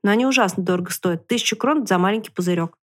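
A woman voicing a calm, patient grown male fox in a children's story, speaking matter-of-factly. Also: medium pitch, rapid-fire, close to an everyday voice.

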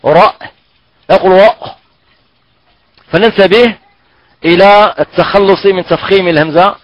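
A man with a high voice teaches Quran recitation, pausing often and drawing out syllables to show how each sound should be formed. The recording is dry and close, with a dull, muffled lo-fi tone. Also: no room sound. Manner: halting, repeats and drags out sounds to demonstrate pronunciation. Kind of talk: recorded online tajweed lesson.

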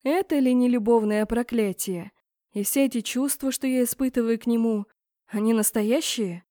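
A woman narrating a first-person romance fantasy story in an expressive, dramatic reading. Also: a little high, normal speed, no echo, clean studio sound. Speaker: audiobook narrator.

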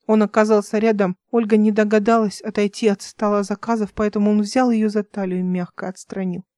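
A woman narrating an audiobook in an even, measured way. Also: medium pitch, no echo, studio quality.

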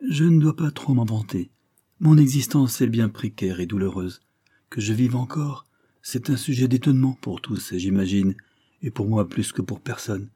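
A frail young lord with a low, languid voice and unfailing courtesy, read by a man in an audiobook. The tone is mellow and a little husky, set close and dry without room sound. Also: animated, moderate pace, no echo. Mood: gentle. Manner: exquisitely polite. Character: frail young male nobleman, gentle and courteous. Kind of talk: audiobook character reading.

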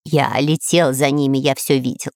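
A woman voicing an anxious, excitable male parrot servant in a storybook reading, making excuses. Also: a bass voice, moderate pace, no room sound, studio quality. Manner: fussy, justifying himself.

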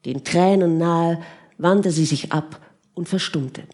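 A woman narrates a novel in a calm, measured audiobook reading. She reads very slowly. Her voice sits on the low side. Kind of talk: scripted narration.

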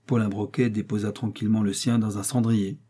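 A man reading a novel aloud in a measured, descriptive narration. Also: lowish voice, level tone, mellow, breathy edge. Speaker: audiobook narrator.

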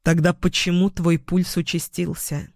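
A man's voice: high voice, flat delivery, measured pace, no echo, studio quality. A man voicing a bitter, cynical young man who turns accusing and raises his voice in anger. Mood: challenging. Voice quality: hoarse. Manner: shouting, accusing.

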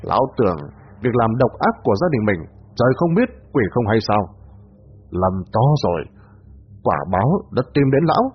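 A man voicing a calm wise old master. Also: mid-range voice, husky. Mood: stern. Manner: measured, scolding. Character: calm wise old male sorcerer-teacher. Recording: dull lo-fi audio.

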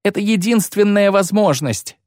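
A man voicing an excitable male bard who scolds in a shrill voice. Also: moderate pace, dry recording, studio quality, lightly acted. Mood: anxious.

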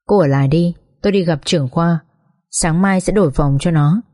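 A woman's voice: on the low side, normal speed, a little mellow, lightly acted. A woman reading the lines of a curt, businesslike older mother-in-law.

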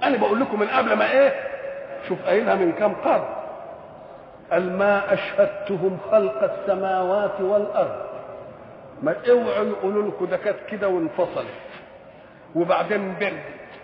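Older Egyptian preacher, high gravelly voice. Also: male voice. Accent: Egyptian Arabic. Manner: rhetorical questions answered himself, drawn-out Quran recitation. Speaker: Islamic scholar giving Quran commentary. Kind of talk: colloquial Egyptian sermon. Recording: dull echoey hall recording with faint hiss.

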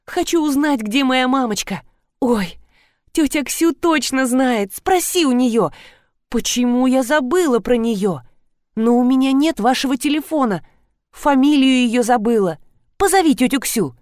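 A woman reading an audiobook, voicing an excitable, tearful adult woman who exclaims breathlessly. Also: measured pace, dry recording, studio quality. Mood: sobbing. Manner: breathless exclaiming, high-pitched.

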